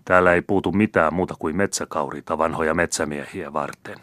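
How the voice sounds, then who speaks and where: A man reading an audiobook voices a worldly, sardonic older gentleman with a dry, ironic way of talking. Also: rumbling low, fairly even intonation, no echo.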